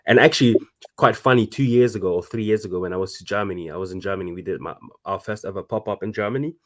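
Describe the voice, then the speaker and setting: Here the DRC-born fashion designer, a man in his thirties, talks quickly in a lowish voice, with a little hiss or hum in the recording. He's a guest in casual conversation, animated and often restarting his sentences.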